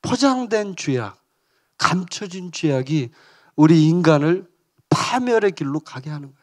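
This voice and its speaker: A man's voice: fairly high pitch, animated, unhurried, darkish tone. A pastor preaching a sermon with emphasis, calling out to his congregation and acting out the lines he quotes.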